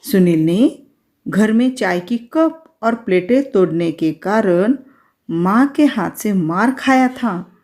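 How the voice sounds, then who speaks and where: A woman's voice: medium pitch, lively intonation, a little mellow. A woman teacher reading a Hindi story aloud and explaining words for a school lesson. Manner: slow, explaining.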